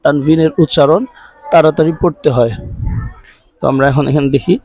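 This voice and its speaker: A man's voice: a little high, steady tone, brisk, a little mellow, no echo, low-quality recording. Patient man drilling recitation syllables. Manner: repetitive drilling of syllables, rising on recaps; patient, asks listeners to repeat after him. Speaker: Quran recitation teacher. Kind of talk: recorded online class.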